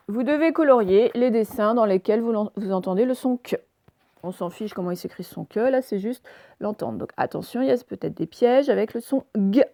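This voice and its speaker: A woman teacher recording a reading lesson for young children, stretching words slowly and sounding out each syllable. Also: mid-range voice, vocal fry, darkish tone, dry recording, clean studio sound. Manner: slow, careful, stretched-out word pronunciation; pauses the recording to let pupils work. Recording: self-recorded home lesson.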